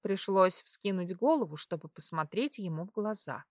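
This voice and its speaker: Expressive woman narrating an audiobook. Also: lowish voice, no room sound, clean studio sound. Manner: expressive, measured storytelling. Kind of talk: first-person scripted narration.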